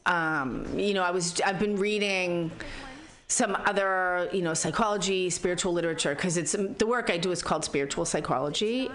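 A woman in her fifties with a Boston accent, talking candidly and reflectively as an interview guest, earnest and a bit blunt. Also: lowish voice. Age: 50s. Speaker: interview guest, psychologist and spiritual teacher. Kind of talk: conversational, reflective interview talk.

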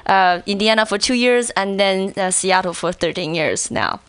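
A woman's voice: medium pitch, normal speed, a bit bright, smooth, no room sound. A woman in her thirties from China, a native Chinese speaker, talking hesitantly with many fillers as a guest on a radio show. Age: 30s. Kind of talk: casual radio chat.

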